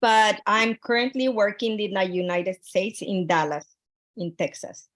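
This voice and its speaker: A woman from Honduras presenting her research proposal over a video call, earnest and halting, with frequent fillers and restarts. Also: mid-range voice, steady tone, a bit bright.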